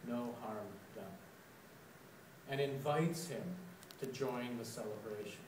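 A man preaching in a church, his voice at a middle pitch, unhurried and measured as he unfolds a story. The mic sits some distance away, so the sound is roomy and echoing, with a faint hiss underneath. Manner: slow, deliberate storytelling, with dramatic quoted outbursts. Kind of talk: sermon reflection. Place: church sanctuary. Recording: echoey church, recorded from a distance.

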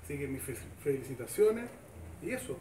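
Speaking at a club event in a semi-outdoor, open-sided covered sports shed, a middle-aged Chilean government official delivers a chatty, folksy, informal speech in Chilean Spanish, frequently checking with the crowd via tag questions. His voice is medium-pitched with big pitch swings at normal speed. A distant camera with no microphone picks up the echoey shed and background noise.

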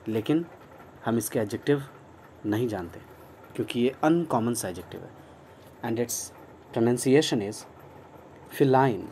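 A man's voice: mid-range voice, a little mellow, a little hiss or hum. A man teaching an online English lesson, spelling words out letter by letter and switching between Hindi and English with encouraging remarks.

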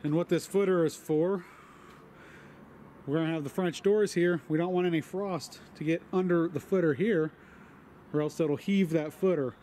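A man's voice: on the high side, normal speed, warm tone, a little hiss or hum. Plain-spoken man filming outdoors. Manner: plain-spoken, matter-of-fact, with fillers. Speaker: homesteader vlogger. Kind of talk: casual walkthrough narration. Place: outdoors at a building site.

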